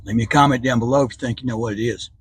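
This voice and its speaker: A man's voice: medium pitch, fairly even intonation, very fast, a little hiss or hum. A man casually taste-testing a sandwich on his food vlog, chatting between bites. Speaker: food reviewer.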